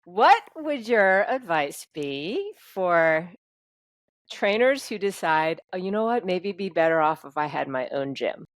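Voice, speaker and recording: Low-voiced woman hosting an interview. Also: sing-song, a little slow, dry recording. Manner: supportive listener with frequent backchannels and laughs. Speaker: podcast host. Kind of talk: casual interview.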